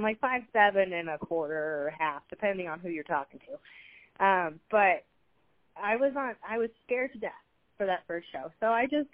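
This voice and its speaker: A woman's voice: medium pitch, no room sound. A woman talking as a guest in a casual chat, rambling and chatty, with easy laughs. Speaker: fitness competitor guest. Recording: slightly dull, dry sound.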